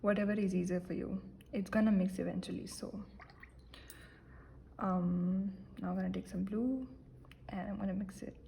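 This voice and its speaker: A young woman giving a relaxed painting lesson, chatty and self-deprecating, with many fillers and soft whispered asides. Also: medium pitch, normal speed, vocal fry, long pauses, slight background noise, low-quality recording. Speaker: art teacher. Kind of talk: casual painting tutorial.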